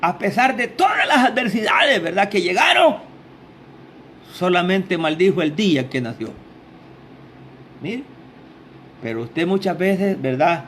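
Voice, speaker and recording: A high-pitched man preaches in a small church. He is fervent, tosses in tag questions to the listeners, and his pitch rises and falls widely. A faint ambient murmur sits behind his voice. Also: big pitch swings, measured pace, long pauses, fairly bright tone, slight background noise. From El Salvador. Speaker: lay preacher. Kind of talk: sermon.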